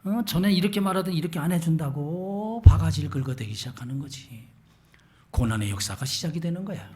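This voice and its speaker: A man from Gangwon Province preaching a Sunday sermon as pastor, animated, mimicking dialect phrases and sometimes dropping to a whisper. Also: on the high side, fairly quick. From Gangwon Province, Korea. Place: church sanctuary.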